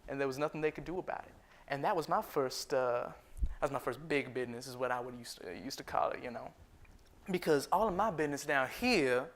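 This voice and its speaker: A man's voice: mid-range voice, lightly acted. A man playing a chuckling freed-slave barber. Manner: folksy, chuckling, animated storytelling with frequent fillers. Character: proud freed-slave barber entrepreneur, boastful, chuckling storyteller. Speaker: historical reenactor. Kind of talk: first-person living history monologue.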